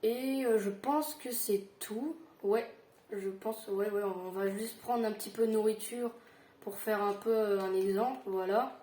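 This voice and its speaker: A tired woman giving a casual Minecraft building tutorial, halting with fillers and self-corrections. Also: medium pitch, dark tone, reverberant.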